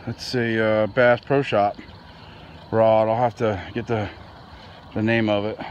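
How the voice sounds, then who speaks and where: A man's voice: fairly low pitch, flat delivery, unhurried, muffled recording, a little hiss or hum. A man vlogging while night fishing outdoors, rambling casually about his gear and surroundings, sometimes talking to his dog. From Florida.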